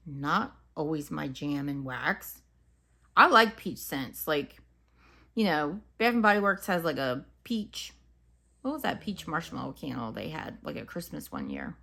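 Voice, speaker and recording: Low-voiced chatty woman reviewing scents. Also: vocal fry, a bit bright. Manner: chatty, musing aloud, sniffing and describing scents. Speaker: home fragrance reviewer. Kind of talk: casual unscripted product review.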